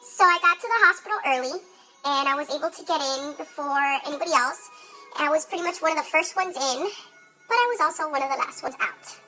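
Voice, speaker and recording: A woman's voice: high-pitched, a little fast, pushed and bright, faint music behind, rough recording. A young woman with a congested, blocked-nose sound, telling a story casually in exasperated, sweary, emphatic slang.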